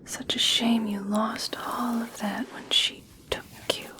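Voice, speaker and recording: A woman voicing a kind, reassuring young elf princess in a soft, breathy, soothing whisper for an ASMR personal attention roleplay. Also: on the high side, little pitch movement. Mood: soothing, caring. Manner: slow, gentle, soothing, hushed.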